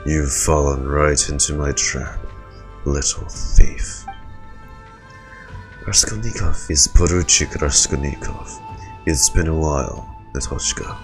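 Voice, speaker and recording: A man's voice: extremely low pitch, fairly even intonation, slow pace, soft background music, voice pushed down. A man reading as a cold scheming officer. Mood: menacing. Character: cold scheming male military officer villain.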